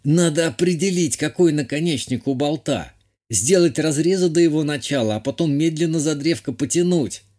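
A man's voice: on the high side, normal speed, dark tone, natural voice. A man voicing a wounded, irritable former galley captain in a fantasy audiobook, speaking in a strained, curt way.

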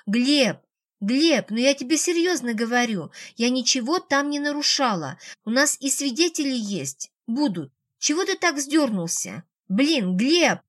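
A woman's voice: animated, normal speed. A woman reading an audiobook, voicing a spoiled, careless young woman who whines and insists. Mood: whiny. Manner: whining, high and insistent.

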